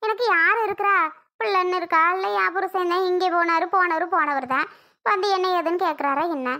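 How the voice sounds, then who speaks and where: A woman putting on a grieving old mother for a cartoon, her voice very high and bright as she wails and complains. She sounds tearful and wronged throughout. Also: steady tone, fairly quick, full character voice. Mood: tearful, aggrieved. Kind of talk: animated cartoon voice acting.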